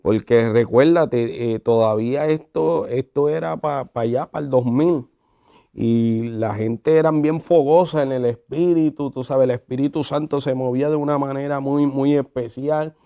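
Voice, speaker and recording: Guy telling his church story, acts out the quotes, relaxed mellow voice. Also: mid-range voice, normal speed, creaky, smooth, highs cut off. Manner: animated storyteller acting out quotes. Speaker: guest sharing his testimony. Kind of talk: conversational testimony.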